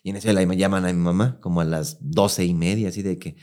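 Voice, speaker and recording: A man's voice: low-pitched, brisk. A young Mexican man co-hosting a podcast, telling a story in casual slangy chat and acting out the people he quotes. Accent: Mexican Spanish. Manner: animated, slangy, acts out quoted voices. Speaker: podcast co-host.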